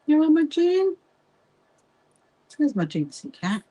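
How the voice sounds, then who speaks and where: A woman with a high, mellow voice and big pitch swings speaks slowly as she hosts a quilting association's livestream. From England's south coast, she has a mixed Kentish and Sussex accent and chats casually while sewing, greeting viewers and answering their comments.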